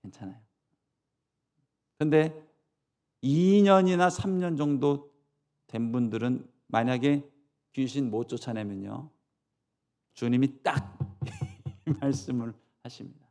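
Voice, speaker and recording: A middle-aged man, a senior pastor preaching a sermon, who jumps from loud dramatic scripture quotes to soft asides and leads the congregation in repeating lines. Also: medium pitch, unhurried, pauses often.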